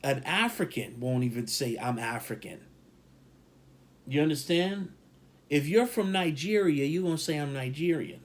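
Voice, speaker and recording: A man with a fairly high, animated voice talks at a moderate pace, co-hosting a podcast in a casual, opinionated way. He's emphatic and rambling, repeating points to stress them.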